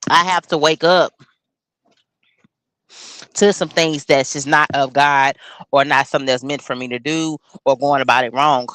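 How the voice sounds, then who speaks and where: A man's voice: fairly high pitch, steady tone, moderate pace, long pauses, a bit bright, no echo. Man, 40s, livestream host; earnest, preachy delivery, dry sound. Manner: earnest, preachy, keeps asking if you understand. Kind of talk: casual livestream talk.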